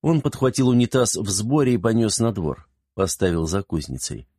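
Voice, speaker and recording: Low-voiced man narrating a story. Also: moderate pace, husky, no room sound, clean studio sound. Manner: calm, steady storytelling. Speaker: audiobook narrator. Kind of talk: scripted narration.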